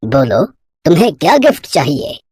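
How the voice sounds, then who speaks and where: Woman voicing a grandfatherly old Santa, cartoon narration, deep voice, husky tone, slow delivery. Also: huge pitch swings, darkish tone, no echo, studio quality, heavily acted. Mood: kind. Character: kind old male Santa Claus, gentle and grandfatherly.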